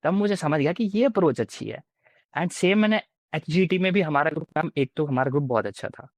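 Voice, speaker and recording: A man's voice: fairly high pitch, lively intonation, fairly quick, no echo. A young man in his twenties with an Indian accent, telling his story in a casual interview and acting out what officers said to him. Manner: mixes Hindi and English, acts out officers' lines. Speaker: interviewee, defence exam candidate.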